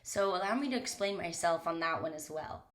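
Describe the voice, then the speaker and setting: A young woman with a lowish, fairly bright voice talks fairly quickly with lively intonation in a solo podcast episode she hosts. Slightly stuffed up from a cold, she speaks candidly and casually, swearing now and then, into a mic inside a small closet.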